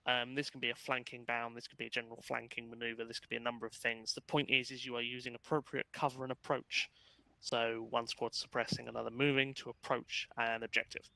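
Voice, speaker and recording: A man's voice: mid-range voice, vocal fry, sharp tone, smooth, no room sound, rough recording. A man casually briefing his gaming unit on tactics over voice chat, with lots of ums and uhs. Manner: casual, chatty, filler-heavy explaining. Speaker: unit instructor.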